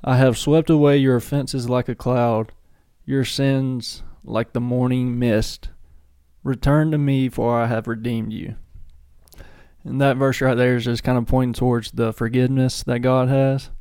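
A man's voice: mid-range voice, flat delivery, a little slow, mellow, clean tone, dry recording, clean studio sound. A young man co-hosting a podcast, earnestly talking through a verse and what it means. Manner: earnest, reflective when explaining a verse. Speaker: podcast co-host. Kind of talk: casual chat with friends.

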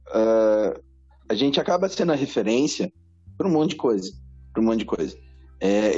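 A man's voice: medium pitch, a little mellow, husky, dull audio. A man and former pharmacy owner, talking reflectively in a casual podcast chat, hesitant with fillers.

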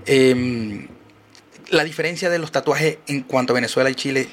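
A man's voice: mid-range voice, moderate pace, a little hiss or hum. A man hosting a podcast, asking his guest questions in a casual, chatty way. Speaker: podcast host. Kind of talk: casual interview chat.

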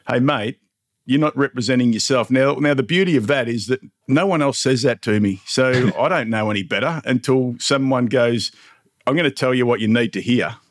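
A man's voice: medium pitch, normal speed, dry recording, studio quality. A middle-aged man hosting a podcast in a laid-back, chummy way. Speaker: podcast host. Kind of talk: casual podcast chat.

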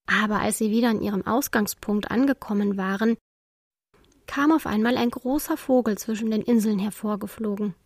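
A woman narrating a children's storybook in a calm, expressive way. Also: medium pitch, moderate pace, dry recording, studio quality.

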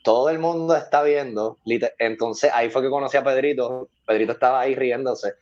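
A man telling stories from his weightlifting years in a casual interview. He is animated and laughs often, and he acts out the people he quotes. The recording sounds dull and lo-fi. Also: mid-range voice, brisk. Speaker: weightlifting athlete and guest.

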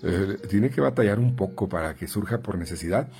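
A speech therapist with a Mexican Spanish accent offers parents conversational advice as numbered tips, full of fillers, repeats, and restarts. He acts out quoted parents and children in higher voices. His darkish voice is lively in intonation and a little fast, over soft background music.

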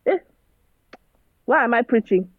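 Higher in pitch, with lively intonation and an unhurried pace, a woman speaks as a guest in a casual conversation. The recording is dry, echo-free and phone-like, and her earnest talk turns preachy amid rhetorical questions.

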